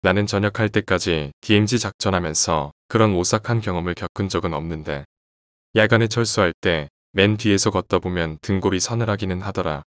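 A man calmly reading out horror stories in an even, casual storytelling way. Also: deep voice, brisk, no echo, studio quality. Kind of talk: scripted horror story narration.

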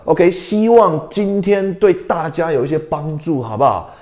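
A man's voice: on the high side, measured pace, a little mellow. A young adult man from Canada teaching an English lesson on a livestream, switching between Mandarin and English and quizzing his viewers.

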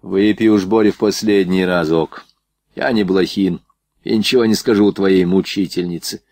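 A man's voice: low-pitched, steady tone, moderate pace, darkish tone, dry recording, clean studio sound. A man voicing a teasing young male officer who mocks his friend. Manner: mocking, sly.

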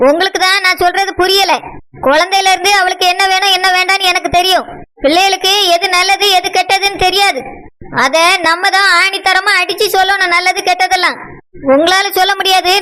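A woman's voice: extremely high pitch, pushed and bright, poor audio. A woman voicing a domineering middle-aged village mother in a cartoon, scolding and insistent, with a Tirunelveli Tamil accent. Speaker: mother of Anu. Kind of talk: cartoon voice acting.

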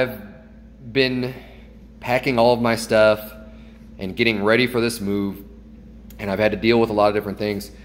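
A man's voice: fairly low pitch, in a large hall, a little hiss or hum. A man in his thirties, a pastor, making an earnest, upbeat announcement into a phone held at arm's length in his kitchen. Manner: earnest, upbeat, with small restarts. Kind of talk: casual church announcement. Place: kitchen at home, indoors.

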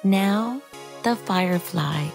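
Slow, swooping woman reading a children's story, cartoon-like intonation. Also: medium pitch, lively intonation, vocal fry, a little mellow, faint music behind. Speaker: storyteller reading a picture book aloud. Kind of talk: expressive children's story narration.

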